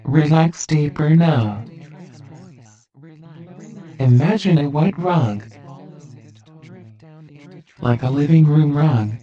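A speaker guiding a hypnosis meditation with slow, soothing, repetitive instructions. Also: mid-range voice, lively intonation, warm tone, recorded from a distance, lo-fi sound.

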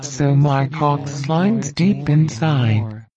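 A man narrating a hypnosis recording in a slow, commanding, repetitive way. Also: a little high, expressive, muffled recording, a crowd in the background.

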